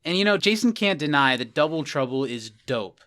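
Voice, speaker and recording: Smooth-voiced man recapping an episode. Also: on the high side, brisk. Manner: animated recapping, acts out characters' lines. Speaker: podcast co-host. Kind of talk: casual rewatch podcast chat.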